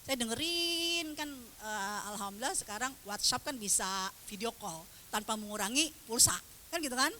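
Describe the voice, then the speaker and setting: Middle-aged female preacher, lively storyteller, high and bright, faint hiss behind. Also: normal speed. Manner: animated storytelling, acts out quotes, Arabic prayer phrases. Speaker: religious teacher. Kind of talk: sermon to a women's study group.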